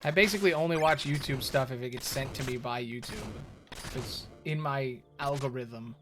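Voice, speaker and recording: A man's voice: mid-range voice, moderate pace. A man doing casual, sweary, joking commentary as he streams a video game. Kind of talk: casual gaming commentary and chat. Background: music, clearly heard.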